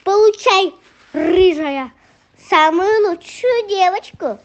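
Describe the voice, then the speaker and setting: A woman's voice: extremely high pitch, takes it slowly. A young female reader voicing a reluctant peasant householder in a children's folk tale, in a plain, grudging manner. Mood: firm. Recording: muffled lo-fi recording.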